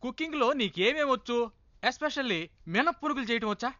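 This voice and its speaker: A man's voice: very high voice, animated, brisk, sharp tone, no echo, highs cut off, exaggerated voice. A man dubbing an eager, food-loving man of the household. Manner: eager, indulgent.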